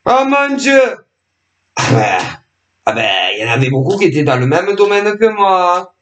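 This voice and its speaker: Very animated and a little fast, a woman with a voice on the low side hosts a tarot and oracle channel from an echoey room. She talks to her subscribers in a sarcastic, rambling way with lots of fillers, stopping to cough from allergy-related throat irritation.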